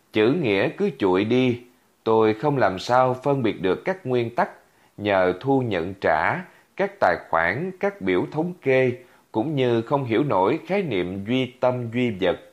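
A man with a lowish voice narrates a first-person tale in a vivid, dramatic way. His pitch moves with lively swings. The recording is dull and lo-fi.

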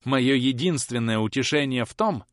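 A man reading an audiobook aloud, voicing a sharp-tongued young housemaid who talks back quickly and defiantly. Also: medium pitch, animated, no echo, clean studio sound, pitched above the performer's own voice, lightly acted. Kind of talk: audiobook character voice.

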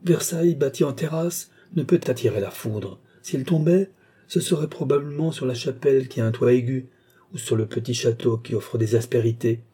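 A man reading the part of a calm, coldly rational young prince, speaking in a measured, explaining way. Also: mid-range voice, slightly rough, lightly acted. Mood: reassuring. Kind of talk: audiobook character reading.

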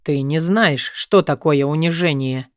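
Woman doing a deep-ish cold bossy teacher guy, slow and threatening, audiobook. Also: no room sound, studio quality. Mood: cold menacing. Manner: low, menacing, slow and controlled. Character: cold domineering adult male teacher.

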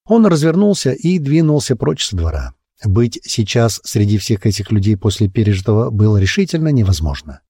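A man narrating an audiobook with an expressive, varied delivery. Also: on the low side, a little fast, breathy edge, no room sound, studio quality.

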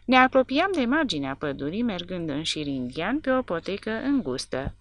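A woman narrating a war novel as an audiobook with an expressive, dramatic reading. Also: on the low side.

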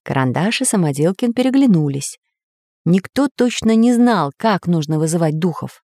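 A woman narrating a children's audiobook in an expressive reading voice. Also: on the low side, normal speed, dry recording, clean studio sound.

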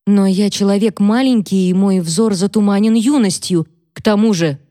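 A woman's voice: medium pitch, moderate pace, warm tone, dry recording, studio quality, voice pushed up, natural voice. Brief: timid young servant girl on the stand, hesitant and trembling, voiced by a woman narrator. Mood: fearful, trembling.

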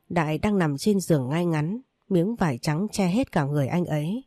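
A woman narrating an emotional story in a steady reading style. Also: lowish voice, no echo, studio quality.

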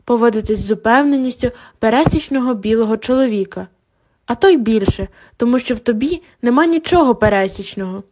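A composed female professor from an audiobook, encouraging yet firm with her student, as a woman reader puts her on. The voice is a touch high. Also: fairly quick, noisy background, lightly acted. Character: calm confident female academic supervisor.

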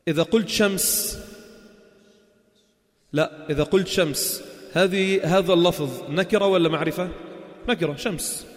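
A man with a Levantine Arabic accent gives a religious lesson in casual dialect, frequently tossing out quick check questions to listeners and answering them himself. His voice is high-pitched and sounds like it's in a big room.

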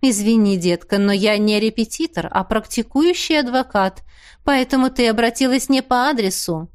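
A woman voicing a cool, sharp-tongued lawyer who answers dryly and sternly. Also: fairly high pitch, moderate pace, clear, resonant tone, close to an everyday voice. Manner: dry, stern.

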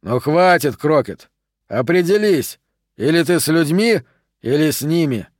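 A man reading an audiobook, voicing a stern bearded army colonel who shouts orders loudly. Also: a little high, expressive, measured pace, no echo, studio quality, pitched above the performer's own voice. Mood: barking. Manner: loud, barking orders.

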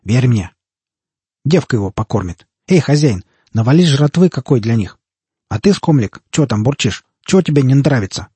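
Man performing a loud, husky swaggering rural thug; dialect, jeering. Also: medium pitch, sing-song, normal speed, dry recording. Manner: swaggering, rough country dialect. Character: crude loud male bounty hunter, coarse rustic.

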